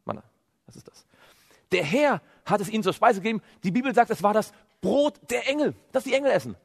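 A man with a high, brisk voice that is both creaky and husky preaches a sermon in an animated way. He quotes scripture and fires off rhetorical questions, then answers them himself. A long hall reverb colors the recording.

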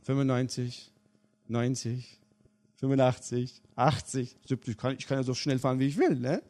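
A middle-aged man preaching a sermon, telling stories and asking his listeners questions, moving between hushed, intimate passages and loud, emphatic ones. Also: mid-range voice, moderate pace. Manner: addresses listeners directly with questions. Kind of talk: sermon with storytelling.

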